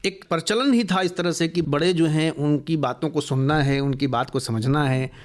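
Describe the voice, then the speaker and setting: A man's voice: fairly high pitch, normal speed. A man being interviewed in a radio studio, speaking earnestly about education and listing ideas at length. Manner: earnest, explanatory, builds long lists of values.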